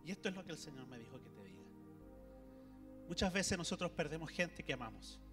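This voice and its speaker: High-voiced pastor preaching. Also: male voice, a little fast, long reverb tail, over music. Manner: animated preaching, addressing the congregation directly. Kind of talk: sermon. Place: church hall.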